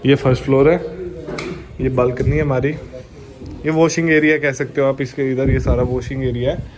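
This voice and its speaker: Filming on a handheld action camera, a young vlogger walks through a family home room by room, chatting with viewers like friends and calling them "bhai." His mid-range voice holds a level tone at normal speed, with background noise present.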